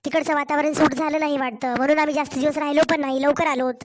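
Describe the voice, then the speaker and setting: A woman voicing an aggrieved young wife and mother in a cartoon story, hoarse from a cold and complaining in a Marathwada Marathi accent. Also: sits high, fairly even intonation, fast talker, lightly acted. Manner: complaining, pleading.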